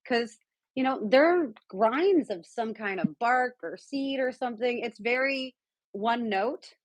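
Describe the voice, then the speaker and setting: A woman's voice: a little high, expressive, slow pace, no room sound, low-quality recording. Woman from San Diego, casual guest cook, rambling and friendly-paced, dry close sound. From San Diego, California. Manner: chatty, lots of fillers. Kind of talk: casual cooking chat.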